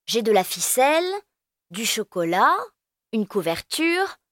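A woman's voice: a little high, very animated, slow, no echo, clean studio sound, voice pushed up. Elio, an eager little boy, voiced by a woman. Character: small eager young boy, brave.

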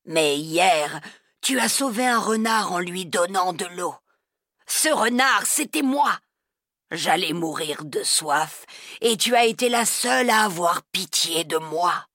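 A woman voicing a powerful male rain dragon in a storybook, speaking in a firm, measured way. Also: on the low side, animated, a bit bright, breathy edge, dry recording, clean studio sound, full character voice. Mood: gentle.

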